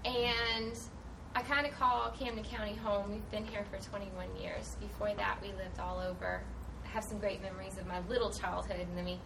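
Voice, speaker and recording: A woman's voice: mid-range voice, little pitch movement, moderate pace, gravelly, hardly any pauses. Young woman laughing at herself, distant. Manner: laughing, self-mocking. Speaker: church group member. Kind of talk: casual group introduction. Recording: distant voice with background noise.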